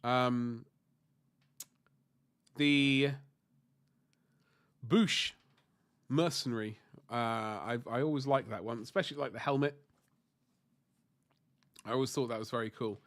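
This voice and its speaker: Speaking slowly with long pauses, a man with a medium-pitched, fairly bright voice chats casually to viewers as he paints miniatures on his livestream. The flu has given him a stuffy nose and sore throat. He tends to ramble, correct himself, and swear mildly.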